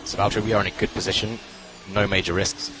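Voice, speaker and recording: A man working as a race engineer on team radio, giving calm, clipped spotter-style instructions and repeating key calls. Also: on the low side, quick pace, rough recording. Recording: radio transmission with loud music behind.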